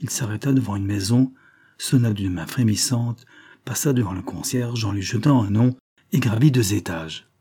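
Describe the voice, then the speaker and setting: A man reading a classic novel aloud as an audiobook, in a measured, dramatic manner. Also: on the low side, dark tone, slightly rough. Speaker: audiobook reader. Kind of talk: scripted narration of a classic novel.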